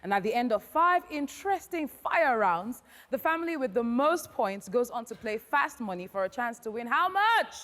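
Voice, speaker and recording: A woman's voice: fairly high pitch, sing-song, moderate pace, few pauses, a bit bright. A woman with a Nigerian accent presenting a game show to a studio audience, projecting with an exuberant, teasing manner. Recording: reverberant studio hall, crowd noise. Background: studio audience and noise.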